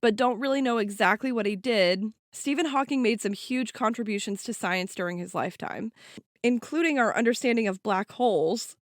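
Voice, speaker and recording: A woman's voice: medium pitch, no echo, studio quality. A woman co-hosting a podcast, explaining science in a casual, chatty way with some swearing. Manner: casual, swears, laughs often. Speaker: podcast co-host.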